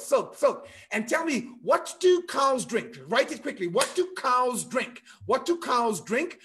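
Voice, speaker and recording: A man with a notably high voice leads an online workshop over a video call. He talks in a playful, animated way and drills key words by repeating them. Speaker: guest speaker coach. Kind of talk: interactive online workshop talk.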